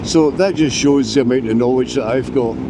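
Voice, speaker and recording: A man's voice: mid-range voice, brisk. A middle-aged man rambles casually and self-deprecatingly as a motorcycle vlogger, talking from inside his helmet while riding. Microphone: mic inside motorcycle helmet. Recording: helmet mic with clear engine and road noise. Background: motorbike engine and road noise.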